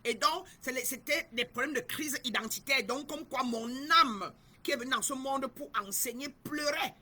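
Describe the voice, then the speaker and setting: A middle-aged woman from Cameroon, a spiritual guide, preaches in a somewhat high, husky voice. She speaks with bright, forceful emphasis. She repeats her points and keeps turning to her listeners. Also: moderate pace. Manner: emphatic, repetitive, addresses listeners directly. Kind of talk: spiritual teaching talk.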